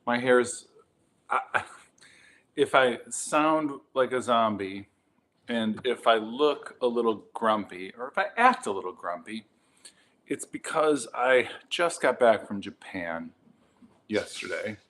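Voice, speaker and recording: A man's voice: medium pitch, lively intonation, slow pace, fairly bright tone. A tired, jet-lagged middle-aged man chatting casually to camera about his vinyl purchases, rambling with many ums and restarts.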